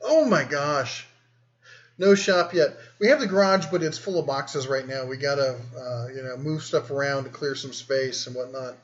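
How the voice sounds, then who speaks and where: A man's voice: medium pitch, moderate pace, highs cut off. A man hosting a casual live stream, reading and answering viewer comments in a rambling, easygoing way. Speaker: host.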